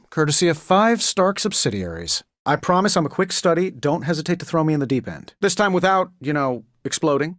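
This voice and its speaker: A wisecracking billionaire superhero in armor for a video game. His voice sits high for a man and swings around in lively, animated lines. He is cocky, glib and sardonic, and the sound is dry and close. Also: no echo. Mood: upbeat, boastful.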